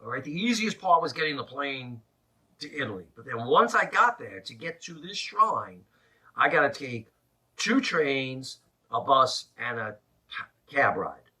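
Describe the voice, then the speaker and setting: A man telling a personal story to camera in an animated, emphatic way with dramatic pauses, speaking in the attic of his house. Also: medium pitch, slightly rough. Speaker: religious presenter and storyteller. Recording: slightly distant mic in an attic.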